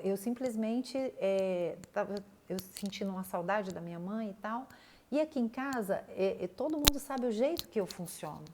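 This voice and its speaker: Older Brazilian woman, mid-pitched, earnest casual talk with fillers. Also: a little mellow, slight background noise. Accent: Brazilian Portuguese. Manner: earnest, repeats words, hesitant fillers. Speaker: body analysis therapist.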